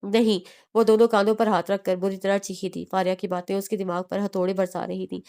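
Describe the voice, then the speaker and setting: Audiobook narrator: woman, steady read of a romance novel, small restarts. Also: mid-range voice, quick pace, clear, resonant tone. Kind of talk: reading a romance novel aloud.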